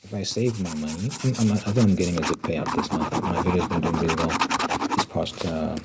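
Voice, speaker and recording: Loud scratching and rubbing fill the recording as a man with a low voice does fast aggressive ASMR. He rambles casually over the noise, hesitant and informal. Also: fairly even intonation. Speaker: ASMR video creator. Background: mic scratching, rubbing, clicks.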